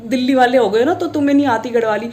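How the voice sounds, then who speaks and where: Woman voicing a middle-aged male tailor, Garhwali-accented Hindi, high, teasing scold. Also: quick pace, a little mellow, natural voice. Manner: scolding, teasing, folksy slang.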